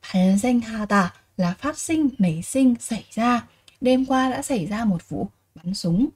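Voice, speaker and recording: A Vietnamese-speaking woman who teaches Korean runs an animated vocabulary lesson at normal speed, her fairly high voice darkish in tone with a breathy edge. Each word gets repeated, and she poses rhetorical questions to the class.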